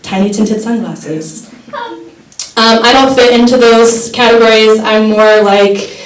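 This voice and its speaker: A woman's voice: a little high, steady tone, unhurried, far from the mic. A young woman from the Midwest doing a stand-up comedy set with a chatty, self-mocking delivery full of ums. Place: comedy class stage. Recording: echoey room, voice from off-mic.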